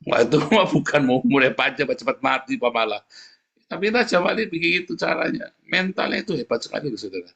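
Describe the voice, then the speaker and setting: A man preaching a lively sermon, often calling out to the congregation, his voice leaping up in pitch for emphasis. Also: brisk, gravelly, husky. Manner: often addresses the congregation as "saudara". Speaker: pastor.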